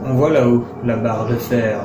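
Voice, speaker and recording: A man commenting on a video game he plays, joking and sarcastic, breaking into excited outbursts. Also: mid-range voice, normal speed. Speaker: let's play commentator. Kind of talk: casual gameplay commentary. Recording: roomy sound with game music behind.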